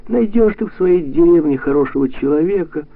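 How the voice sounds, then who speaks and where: A male reader voicing a jovial, blunt heavyset man who lectures a young woman in a bantering, preachy way, with sudden jumps up in pitch. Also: lively intonation, brisk, creaky. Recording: tinny lo-fi radio sound.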